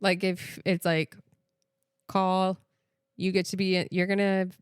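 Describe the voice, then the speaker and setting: An American woman co-hosting a podcast, talking in a chatty, animated way full of "like" and "literally". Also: fairly low pitch, measured pace, clean tone, dry recording, clean studio sound. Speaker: podcast co-host. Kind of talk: casual chat.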